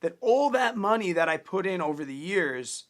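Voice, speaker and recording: Pitched high with a sing-song lilt and a normal pace, a thirtysomething man talks directly to the camera about personal finance. His tone is casual and earnest, his wording plain, and he tends to repeat words when starting over.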